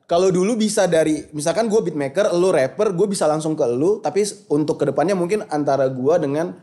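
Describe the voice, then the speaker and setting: A man's voice: fairly high pitch, a little fast. A young man, a music producer, chatting casually in slang and acting out what people say. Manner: relaxed slangy talk, acts out quoted dialogue. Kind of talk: casual chat.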